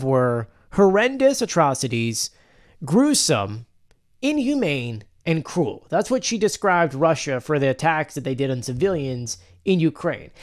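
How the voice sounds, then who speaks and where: A man giving casual political news commentary in an emphatic, rambling way, often arguing straight at the subject he is discussing. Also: high-pitched.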